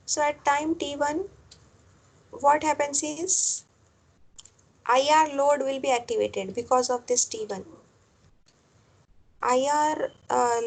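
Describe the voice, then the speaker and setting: A woman teaches a technical lesson at an unhurried pace. Her voice sits high, and she circles back over phrases with fillers between them. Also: poor audio. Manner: explains step by step, repeats phrases, many fillers. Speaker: lecturer. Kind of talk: classroom lecture.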